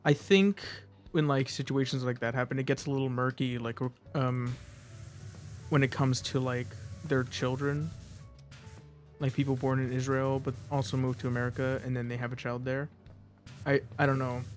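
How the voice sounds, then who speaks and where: A man's voice: medium pitch, little pitch movement, normal speed, soft background music. A young man streaming a game and chatting casually, rambling with lots of filler words. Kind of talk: casual chat while gaming.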